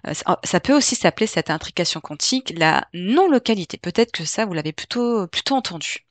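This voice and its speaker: A woman hosting a solo podcast as a life coach, explaining calmly with frequent fillers, hesitations and self-corrections. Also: fairly low pitch, a little fast, no echo.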